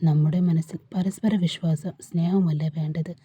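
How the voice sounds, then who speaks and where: A woman's voice: deep voice, fairly even intonation, moderate pace, dark tone, husky, dry recording. A woman reading a storybook part of a hurt young husband who pleads with his wife. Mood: wounded.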